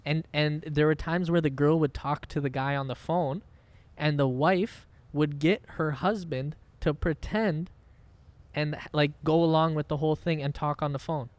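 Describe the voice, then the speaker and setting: Smooth-voiced young man telling stories. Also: on the high side, fairly even intonation, moderate pace, dry recording. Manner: rambling storyteller, heavy slang and fillers. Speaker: podcast co-host. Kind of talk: casual chat.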